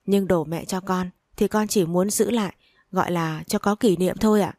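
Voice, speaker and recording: A woman's voice: fairly low pitch, fairly even intonation, brisk, a little mellow, dry recording, studio quality, natural voice. A woman reading the lines of a timid young bride who answers politely and deferentially. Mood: pleading.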